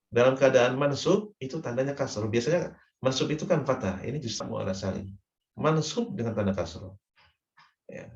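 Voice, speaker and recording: A man giving a patient grammar lesson, going over each term several times and pausing to check that it has landed. His voice sits in an echoey room and comes through a dull, lo-fi recording with the highs rolled off. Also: a little mellow. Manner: patient, repeats terms and checks with frequent "ya". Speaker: Arabic grammar teacher. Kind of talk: classroom lecture.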